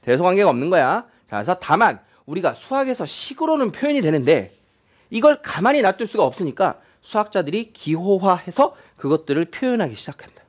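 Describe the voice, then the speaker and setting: Lively high-voiced male math teacher. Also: fairly quick. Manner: chatty, quizzing students with frequent questions. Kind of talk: classroom lecture. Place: classroom.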